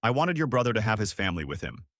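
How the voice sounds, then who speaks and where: A man voicing a gentle, regal alien queen who speaks in a calm, measured way in a dry recording. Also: lowish voice, no room sound.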